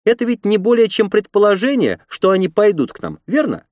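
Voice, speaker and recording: A woman's voice: medium pitch, big pitch swings, brisk, darkish tone, dry recording, studio quality, pitched above the performer's own voice, natural voice. A man voicing a proud, hospitable woman who leads a settlement, speaking earnestly and reassuringly.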